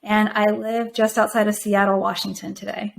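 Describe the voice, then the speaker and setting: A woman from Taiwan, a native Mandarin speaker, answering podcast interview questions in a measured, thoughtful way. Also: medium pitch, little pitch movement, gravelly, slight background noise. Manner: measured, thoughtful, with frequent fillers. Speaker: podcast guest, venture firm operator. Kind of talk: conversational interview.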